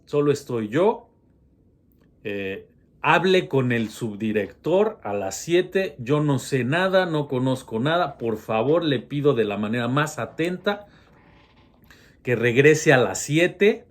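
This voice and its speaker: A man's voice: mid-range voice, lively intonation, slow, voice pushed up. A man voicing a male teacher who pleads with a visitor in a formal, polite way. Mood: pleading.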